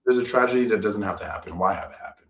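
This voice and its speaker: Co-hosting a casual live stream, this man speaks rapid-fire in a low-pitched, slightly bright voice. He rambles loosely, circles back over his own phrases, and laughs easily, with room echo surrounding his voice.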